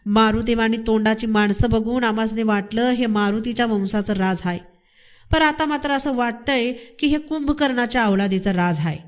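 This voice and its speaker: A fierce young village rebel, as a woman storyteller puts him on, commanding and unbending in this storybook reading. He speaks firmly, every line a resolute order, in a voice set rather high for a man. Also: moderate pace, lightly acted. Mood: defiant.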